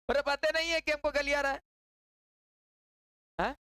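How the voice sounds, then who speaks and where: A woman's voice: high voice, steady tone, measured pace, a bit bright, no echo, low-quality recording. A woman teaching a class, repeating key words and quizzing her students with constant questions. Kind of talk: classroom lecture.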